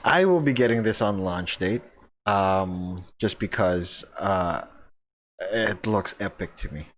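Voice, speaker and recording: Slow-talking, laughing podcast guy. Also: sits low, animated, slight background noise. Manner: easygoing, laughs a lot. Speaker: podcast co-host. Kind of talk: casual chat.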